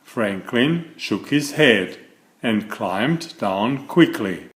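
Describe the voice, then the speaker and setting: Deliberate and expressive, a storyteller with a fairly low voice reads a children's picture book out loud. The recording has a roomy sound.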